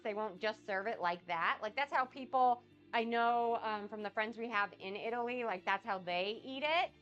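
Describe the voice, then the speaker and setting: Cooking on a casual livestream, a woman from the United States rambles chattily with viewers, reading their chat comments aloud and responding. A cold leaves her slightly sniffly and nasal. Her voice is on the high side and bright with a forceful tone, though the recording is muffled.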